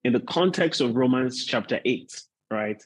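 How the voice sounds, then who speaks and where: A man preaching as a guest pastor in an informal, measured, unhurried way, often repeating points for emphasis. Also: mid-range voice, lively intonation, husky. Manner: unhurried, measured delivery with deliberate repetition. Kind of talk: sermon, informal preaching to an online gathering.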